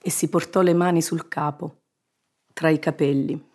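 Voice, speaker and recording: A woman narrating a children's story in an expressive, measured reading. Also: deep voice. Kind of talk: scripted narration.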